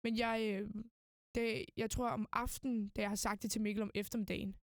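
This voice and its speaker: A woman's voice: a little high, flat delivery, no echo, clean studio sound. A young woman, a student guest on a podcast, telling a long personal story in a casual way, full of fillers and quoted thoughts. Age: young adult. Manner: rambling, full of fillers and quoted inner speech.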